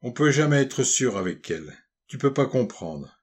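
A man's voice: mid-range voice, sing-song, normal speed, slightly rough. A man reading the part of a young, guarded African housemaid who talks in short, clipped phrases. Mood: sullen, guarded. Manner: curt, clipped colloquial phrasing.

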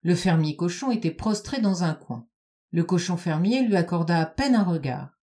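A woman narrating a children's storybook in a calm, even reading voice. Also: on the low side, normal speed.

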